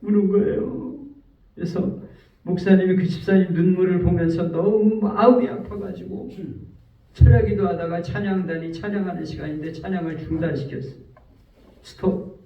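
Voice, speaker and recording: A man gives a sermon as pastor, his voice sitting a little high as he tells a story and acts out the people in it. He sounds far from the microphone. The church is roomy and echoing, and the recording is dull and muffled. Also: fairly even intonation, a little fast, gravelly, a little hiss or hum. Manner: storytelling, acts out quoted speech. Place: church sanctuary.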